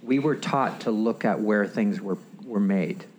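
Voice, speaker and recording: A man's voice: on the low side, unhurried, a little hiss or hum, poor audio. Rambling, chatty male co-host. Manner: rambling, self-interrupting, animated storytelling. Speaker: podcast co-host. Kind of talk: casual conversation.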